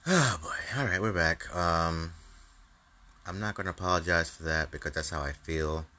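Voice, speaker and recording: A man's voice: low voice, normal speed, bright, forceful tone. A man hosting his own show, delivering an angry, profane opinion monologue in a heated, ranting way. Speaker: comedian podcast host.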